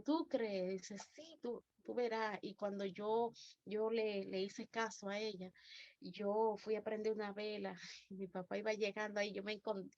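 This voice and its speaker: A woman pastor with a Dominican accent giving a personal testimony, halting and full of restarts. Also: mid-range voice, gravelly. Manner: halting storytelling with many restarts. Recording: dull lo-fi recording.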